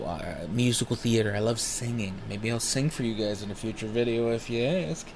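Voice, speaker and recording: Animated thirty-year-old man telling stories. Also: on the low side, a little hiss or hum. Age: 30s. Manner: animated, rambling, swears freely. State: smoking while talking. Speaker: vlogger. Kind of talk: casual personal storytelling.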